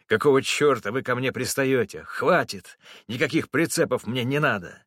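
A man's voice: medium pitch, moderate pace, fairly bright tone, dry recording, clean studio sound, voice pushed up, natural voice. A man as a hot-tempered young truck driver. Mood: angry. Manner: harsh, curt, raised voice.

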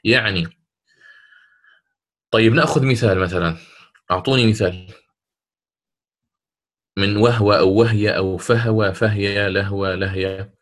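A man teaching a lesson on Quran recitation, asking his students questions and slowly chanting verses as examples. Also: fairly low pitch.

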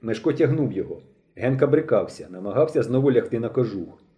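A male narrator reads a novel aloud in a dark, mellow voice. His delivery is expressive and dramatic, and he leans into the tense moments. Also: mid-range voice, fast talker. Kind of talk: audiobook reading.

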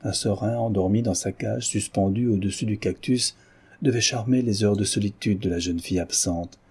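Husky low-voiced male audiobook narrator. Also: steady tone, normal speed, darkish tone. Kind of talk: scripted narration of a novel.

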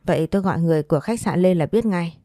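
A woman's voice: on the low side, rapid-fire, mellow, no room sound, studio quality, soft background music, lightly acted. A woman voicing a teasing young man who keeps prodding with questions.

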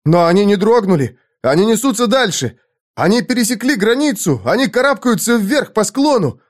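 A man doing a frantic young squire, high and shouting. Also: animated, normal speed. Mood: excited.

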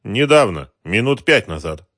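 A man voicing a stubborn, hot-tempered shopkeeper who shouts back at gangsters. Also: lowish voice, big pitch swings, normal speed, dry recording, clean studio sound, voice pushed up. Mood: tense, defiant. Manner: defiant, shouting.

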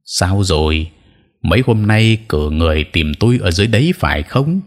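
Audio story role: a man playing a composed exorcist master, deep and steady, coolly mocking. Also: normal speed. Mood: cool, stern. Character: calm, stern middle-aged male master exorcist.

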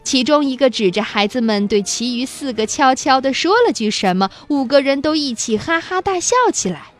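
A woman storyteller reading a children's book aloud, expressive and animated, talking to young listeners. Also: high voice, moderate pace.

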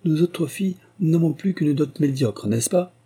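A man reading an audiobook voices a calm, composed young woman. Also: a little high, normal speed, husky, pitched above the performer's own voice. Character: calm, clever young woman, elder daughter.

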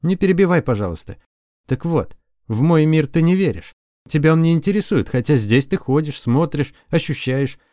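A man reading an audiobook, voicing a stubborn, sharp-tongued young girl sorceress in a raised, teasing voice. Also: a little high, lively intonation, moderate pace, no echo, studio quality, pitched above the performer's own voice, lightly acted. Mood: insistent. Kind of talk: audiobook character voice.

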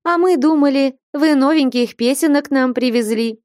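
A woman's voice: sits high, sing-song, a little slow, a little mellow, no room sound, clean studio sound, voice pushed up. A woman voicing a bold, teasing young woman novice in a storybook reading.

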